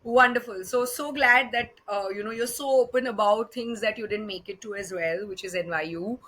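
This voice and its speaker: A woman's voice: medium pitch, normal speed, fairly bright tone, slight background noise. A woman with an Indian accent hosting a podcast interview in a conversational, effusive and encouraging way. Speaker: podcast host.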